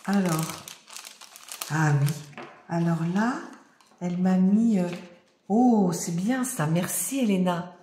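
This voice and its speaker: Slow, soft-spoken woman, slightly hoarse. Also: fairly low pitch. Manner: soft-spoken, often murmuring to herself. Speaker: crafting vlogger. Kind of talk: casual unboxing chat. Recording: echoey room, faint noise.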